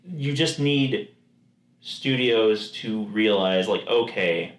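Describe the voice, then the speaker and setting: A podcast co-host with a fairly low voice talks slowly in a casual chat, full of enthusiasm and frequently restarting his sentences. The recording has a roomy echo.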